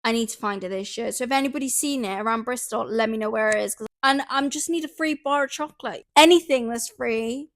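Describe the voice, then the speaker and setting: A woman's voice: a little high, brisk, few pauses, no room sound. A young woman hosting a podcast, talking casually at home, ranting animatedly and swearing freely as she overshares. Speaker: podcast host.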